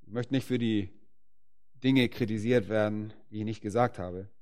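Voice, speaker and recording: A man preaching a sermon with emphatic delivery, slowing down and rising to forceful peaks to stress key words. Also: fairly low pitch, fairly even intonation.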